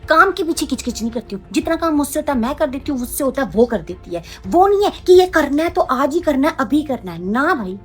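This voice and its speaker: A woman's voice: high voice, sing-song, fast talker, hardly any pauses, soft background music. A woman acting in a comic family skit, chatting and gossiping about home life. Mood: chatty.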